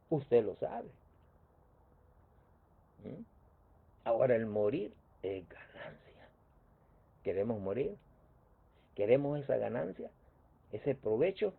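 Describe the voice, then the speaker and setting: Gravelly preacher on a tinny line. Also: male voice, on the high side. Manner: repetitive, rhetorical questions, asks "mm?". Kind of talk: sermon. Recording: tinny phone-like sound.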